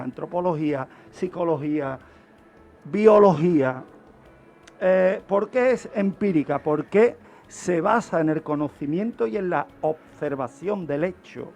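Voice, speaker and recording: Presenting a radio segment, a criminologist explains his subject didactically, raising questions and answering them himself. His voice has a fairly high pitch and a darkish tone.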